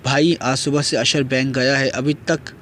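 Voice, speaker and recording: A man's voice: medium pitch, steady tone, fairly bright tone, slight background noise, natural voice. A man voicing an anxious young wife in an audio novel, speaking in a worried, pleading way. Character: anxious young bride waiting for husband.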